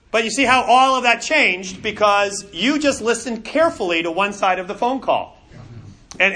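A middle-aged man leads a Bible class in a high, bright voice. He talks in a lively, conversational way and often repeats a word before he carries on. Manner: animated and conversational, with frequent repeated words. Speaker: Bible teacher. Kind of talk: classroom lecture.

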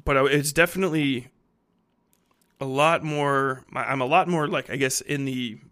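A man in his thirties, a podcast host who also writes fiction, delivers a casual, unscripted monologue with a mid-range, bright, forceful voice at an unhurried pace. He rambles off the cuff, blunt and slangy, swearing heavily and casually throughout.

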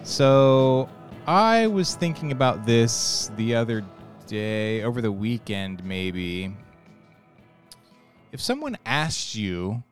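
A man's voice: medium pitch, big pitch swings, takes it slowly, soft background music. A man in his forties co-hosting a podcast, chatting casually in a musing, somewhat hesitant way and laughing easily. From Ohio. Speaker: podcast co-host. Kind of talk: casual chat.

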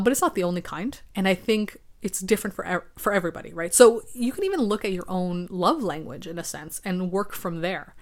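Raspy-voiced woman hosting a podcast. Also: on the low side. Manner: thoughtful, frequent "right?" and restarts. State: raspy from allergies. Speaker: podcast host. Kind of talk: casual reflective monologue.

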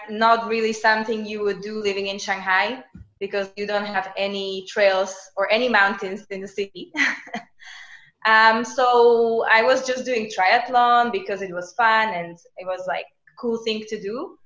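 A woman in her thirties from Slovakia, speaking English as a podcast guest, lively and chatty with many casual fillers. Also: medium pitch, measured pace. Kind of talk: casual interview chat. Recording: echoey, dull lo-fi remote recording.

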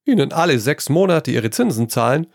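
A man's voice: mid-range voice, a little fast, creaky, dry recording, clean studio sound, pitched above the performer's own voice. A man reading a story aloud, voicing a witty, worldly painter who teases his friend and tosses in French phrases. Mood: teasing. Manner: lively, amused, tossing in French phrases. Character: witty amused male painter, worldly and teasing.

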